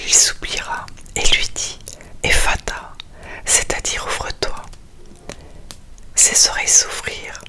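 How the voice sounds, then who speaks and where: A reader softly whispering a scripture reading in a breathy, unvoiced ASMR style, quiet as for night-time. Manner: hushed, quiet bedtime whisper.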